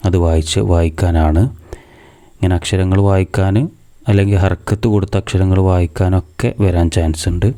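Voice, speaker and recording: A man's voice: low voice, little pitch movement, mellow. A man with a Malayali accent teaching a children's reading lesson, sounding out letters one by one and asking simple questions as he goes. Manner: slow, syllable-by-syllable spelling with repeated questions. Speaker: madrasa teacher.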